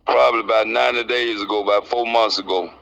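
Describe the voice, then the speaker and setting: A man's voice: lowish voice, fairly even intonation, fast talker, gravelly, lo-fi sound, background noise. A man in his sixties with a Southern Alabama accent, answering interview questions in a plainspoken, colloquial way. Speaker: interviewee, prison inmate. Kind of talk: casual interview answers, recounting experience.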